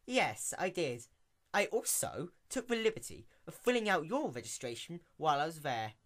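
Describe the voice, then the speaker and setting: A man's voice: on the high side, wildly swooping pitch, moderate pace, sharp tone, pitched above the performer's own voice, exaggerated voice. A man voicing a dramatic, scheming young female pony princess in a hammy, theatrical storybook reading. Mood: sly, smug. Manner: hammy, theatrical stage delivery. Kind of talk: dramatic reading of fan fiction.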